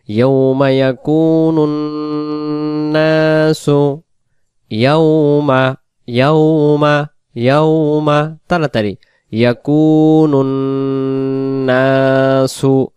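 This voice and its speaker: A man teaching Quran recitation, who explains quickly and then chants each verse slowly and loudly. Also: mid-range voice, clear, resonant tone, no room sound. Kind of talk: Quran recitation lesson in Bengali.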